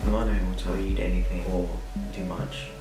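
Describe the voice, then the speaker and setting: Low voiced guy talking through his vlog, kinda understated, echoey with music behind. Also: level tone, normal speed. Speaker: vlogger doing a sleep deprivation challenge. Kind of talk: vlog narration and self-talk.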